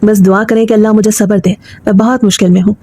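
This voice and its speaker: A woman's voice: medium pitch, steady tone, warm tone, lightly acted. A woman voicing a patient young daughter-in-law who pleads humbly and tearfully, in a storybook reading. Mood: pleading.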